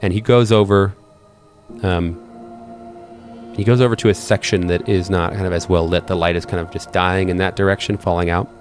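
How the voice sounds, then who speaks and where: As game master of a tabletop game, a low-voiced man describes the scene in halting, hesitant, measured pieces, improvising along the way. His tone stays steady, with music playing beneath him.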